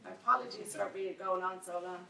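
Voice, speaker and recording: A woman with a Dublin accent tells her story to a panel audience and builds into open indignation. Her voice is bright and carries, but it is heard from a distance in a large echoey hall. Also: medium pitch, steady tone, fairly quick, gravelly. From Ireland. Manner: indignant, storytelling, rising to anger. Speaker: local campaigner on a panel. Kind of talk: impassioned panel talk.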